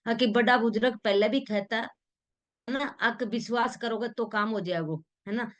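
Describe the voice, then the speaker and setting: A middle-aged woman speaks in a fairly high voice, giving a motivational talk. She sounds earnest and homespun, drifting between plain Hindi and local dialect. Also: moderate pace.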